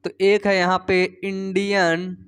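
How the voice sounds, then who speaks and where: A young male biology teacher with a high-pitched voice talks through the lesson in a loose, conversational way. He keeps asking questions and answering them himself, and he slips personal stories in between the facts. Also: completely flat delivery, slow, a bit bright, clean tone. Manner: chatty, storytelling, asks and answers his own questions. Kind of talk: casual Hindi lecture.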